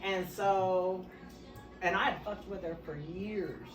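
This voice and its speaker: A woman's voice: fairly low pitch, takes it slowly, roomy sound, far from the mic, over music, rough recording. A woman guest telling her own story in a casual chat, speaking frankly and laughing often.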